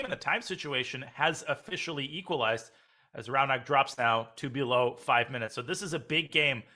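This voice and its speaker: A man's voice: mid-range voice, bright, forceful tone. A man hosting live chess tournament commentary in a conversational way, talking positions over with a co-commentator. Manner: conversational, poses questions to co-commentator.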